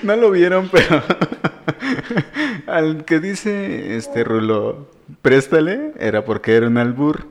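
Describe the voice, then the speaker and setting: A man, co-hosting a casual podcast chat, laid-back and quick to laugh. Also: fairly high pitch, animated, slight background noise. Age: 30s.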